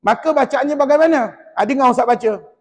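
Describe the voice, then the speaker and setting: A man with a Malaysian Malay accent teaching Quran recitation in a mosque class, drilling and correcting students in a lively, teasing way. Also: extremely high pitch, quick pace, long reverb tail.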